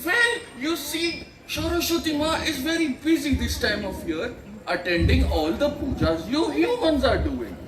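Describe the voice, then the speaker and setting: Give this a flustered ghost king, played by an amateur actor with a high, swooping voice. The manner is theatrical and chatty, like an official explaining procedure in a stage comedy. It sounds echoey, with noise behind it. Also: expressive, moderate pace. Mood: self-important. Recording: echoey stage recording with clear background noise.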